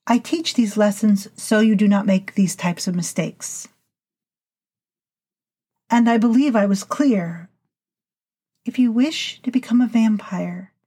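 A woman voicing a centuries-old female vampire historian who talks in a slow, formal, lecturing way to her initiates. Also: fairly high pitch, dark tone, slightly rough. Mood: scolding. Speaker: narrator of a vampire storytelling podcast. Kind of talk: scripted audio fiction monologue.

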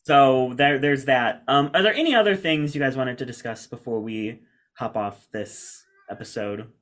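A man's voice: medium pitch, moderate pace, a bit bright. A man hosting a podcast, chatting in a playful, joking way. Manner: playful, jokey. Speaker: podcast host. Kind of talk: casual podcast chat.

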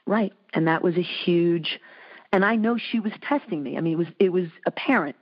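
A woman in her thirties hosting a casual interview, telling stories with lively, animated delivery. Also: a little fast. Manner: animated storyteller, jumps into high voices for quotes. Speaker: host. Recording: dull lo-fi sound.

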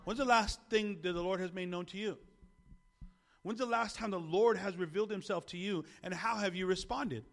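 A man's voice: high-pitched, normal speed, vocal fry, a bit bright. A man, a pastor, preaching a conversational sermon, often restarting his phrases and asking the congregation to repeat words after him.

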